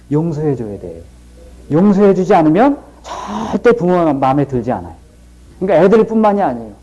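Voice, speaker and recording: A man's voice: sits high, warm tone, muffled recording. A middle-aged man giving a lecture and telling stories in a folksy, plain-spoken way. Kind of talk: storytelling lecture.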